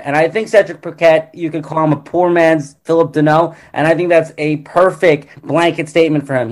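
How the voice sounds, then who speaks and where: A man's voice: a little high, darkish tone. A man giving conversational sports analysis as a panel guest. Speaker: panel guest, hockey commentator.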